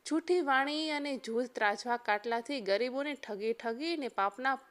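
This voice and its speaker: High-voiced woman telling a devotional tale. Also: moderate pace. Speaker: storyteller. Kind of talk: scripted devotional narration.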